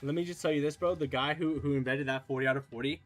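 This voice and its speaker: A man's voice: fairly high pitch, fairly even intonation, quick pace. A man streaming a game live, talking casually and ranting with heavy profanity about his build and the challenge.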